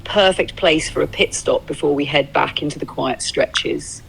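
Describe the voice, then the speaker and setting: Music sits behind a synthetic woman's voice acting as an upbeat, easygoing travel companion in casual AI roleplay chat, conversational, reflective and encouraging. Her voice is low and creaky at normal speed. The audio is poor, with a little hiss or hum.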